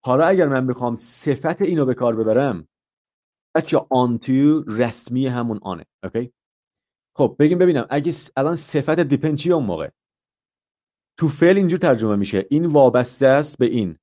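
Mellow-voiced male IELTS teacher live. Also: medium pitch, lively intonation. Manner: asks the class questions and explains step by step; mixes English example phrases into his explanations. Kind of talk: live online grammar lesson.

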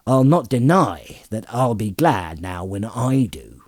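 A man's voice: fairly low pitch, very animated, slow, a little mellow, no echo, studio quality, full character voice. A man voicing a blunt, hearty old farmer with a rustic, homely way of talking in a storybook reading. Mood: hearty, relieved. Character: gruff, plain-spoken, hearty old country farmer. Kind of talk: audiobook character voice.

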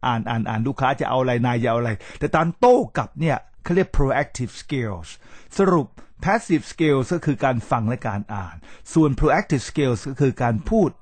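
A middle-aged man hosting a podcast about English, talking to listeners in a casual lecture style, animated and sliding in English words as he demonstrates how they are said. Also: mid-range voice, measured pace, no room sound. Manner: animated, mixes English words into his talk, demonstrates pronunciation. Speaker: podcast host teaching English.

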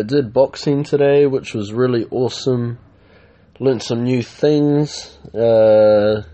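A man hosting his own podcast, talking casually and rambling, with lots of "uh" and "um" fillers. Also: mid-range voice. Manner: relaxed, rambling, many fillers. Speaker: podcast host. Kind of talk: casual solo podcast talk.

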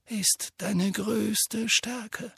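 A man voicing a calm, gentle old male headmaster wizard who speaks softly and slowly. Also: sits high, vocal fry, breathy edge, no echo, pitched above the performer's own voice, full character voice. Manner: calm, soft, measured.

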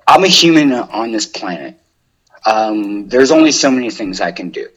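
A husky young man talking as a podcast guest, his voice a bit breathy and rough. He rambles loosely, peppering his sentences with "like" and restarts. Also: medium pitch, highs cut off. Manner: rambling, full of "like". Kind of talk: casual interview chat.

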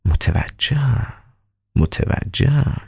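A calm, polite doctor who speaks slowly and softly, almost in a whisper, as a man reads him in an audiobook. The voice sits low, with a gravelly, husky grain. It is recorded close and dry. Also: no room sound, exaggerated voice. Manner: slow, soft, half-whispered questions.

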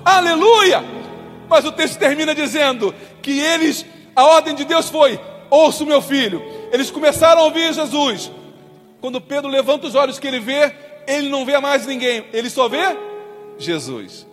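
A man preaches a fervent sermon in a very high voice. He swings between shouts and hushed passages. Long reverb trails behind him, as in a large hall. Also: normal speed, faint music behind. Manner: impassioned, shouting and dropping to soft tones. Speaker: pastor. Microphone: streamed to viewers at home.

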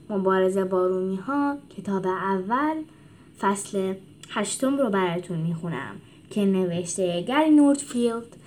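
A woman hosting a podcast and reading a translated children's book aloud with expressive storytelling. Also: mid-range voice, a little hiss or hum. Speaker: podcast host and narrator.

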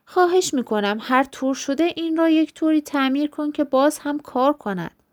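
A woman's voice: on the high side, animated, darkish tone. A woman voicing a timid, poor male clerk who pleads anxiously in a storybook reading. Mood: pleading.

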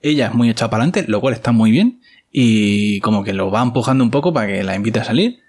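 A man's voice: fairly low pitch, animated, quick pace, a little mellow. A man casually retelling a TV episode, wry and chatty, with offhand filler asides. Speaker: series recap host.

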